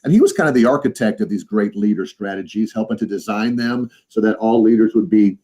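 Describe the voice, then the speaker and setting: A man's voice: lowish voice, brisk, mellow. A man co-hosting a podcast in casual, playful chat, often repeating phrases for emphasis. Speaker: podcast co-host.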